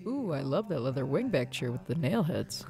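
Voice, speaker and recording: A woman's voice: very deep voice, very animated, moderate pace. A woman narrating a shopping vlog about antiques and home decor in an enthusiastic, gushing way. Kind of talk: casual shopping vlog voice-over. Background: soft guitar music.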